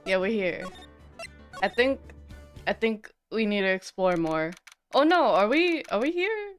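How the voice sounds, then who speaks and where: A woman talks through a game she is streaming, thinking aloud and tripping over restarts as she goes. Her voice sits at an ordinary middle pitch and is still groggy from a nap. Faint game music plays underneath. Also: lively intonation, a little slow. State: groggy morning voice after a nap. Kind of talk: let's-play commentary, reading game dialogue aloud.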